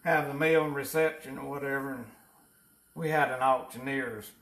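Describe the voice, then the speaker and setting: Recorded by a camera a few feet off, this cooking show co-host, an older man with a Southern US accent, cooks in a home kitchen while telling loose, folksy stories in a relaxed way. He speaks in a steady, mid-range, fairly bright voice at a moderate pace.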